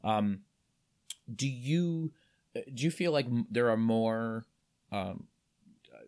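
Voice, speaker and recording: A man in his thirties hosting a casual podcast chat, talking in halting bursts full of restarts and fillers. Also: medium pitch, lively intonation, a little mellow. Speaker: podcast host.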